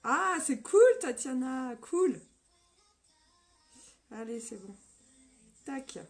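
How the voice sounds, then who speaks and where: Upbeat, slightly hoarse female live-stream host; high, leisurely delivery, cheerful viewer shout-outs. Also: expressive, very slow, soft background music. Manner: upbeat, greets viewers by name. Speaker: live makeup tutorial host. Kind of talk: casual live-stream chat and makeup demo. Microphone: phone.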